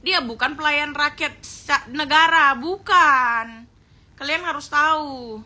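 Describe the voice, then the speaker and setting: A woman on a casual live stream who reads viewer comments and argues forcefully and outspokenly. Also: sits high, slow. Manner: forceful, outspoken, swings between loud ranting and quiet comment reading.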